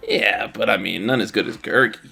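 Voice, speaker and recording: A man's voice: lowish voice, a little fast, vocal fry, pushed and bright, soft background music. A man co-hosting a let's play, chatting casually, laughing a lot and swearing easily. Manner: laid-back, giggly, swears casually. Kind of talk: casual gaming chat.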